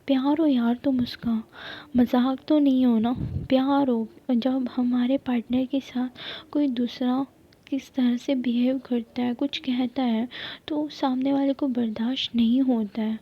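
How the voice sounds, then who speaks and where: A woman's voice: high voice, steady tone, breathy edge. A woman voicing Manpreet, a caring young friend who coaxes and lectures frankly, in whispered role-play. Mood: coaxing. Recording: dull lo-fi recording.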